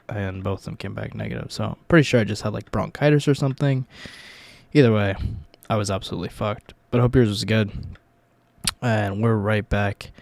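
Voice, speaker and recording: A man's voice: fairly low pitch, vocal fry, no room sound. A young adult American man, hungover, telling a personal story in a casual, rambling, profanity-laden vlog style. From Virginia, United States. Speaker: YouTube host telling life stories.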